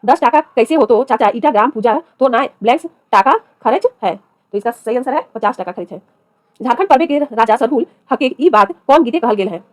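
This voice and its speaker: A woman, speaking fast in a fairly high voice, runs through quiz questions one after another. She reads each question and its options, then announces the correct answer. The recording is dry and close. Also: animated, no room sound. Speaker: exam-prep teacher.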